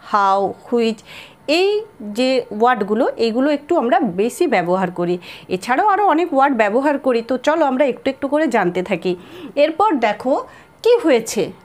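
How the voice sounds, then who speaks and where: A woman with a Bengali accent and a fairly high voice teaches spoken English, slowly repeating example sentences and spelling words out letter by letter.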